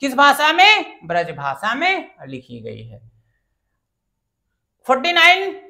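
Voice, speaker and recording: A woman's voice: high-pitched, huge pitch swings, slow, creaky, pushed and bright. A woman teaching an exam-prep grammar lesson who keeps asking the class questions and answering them herself.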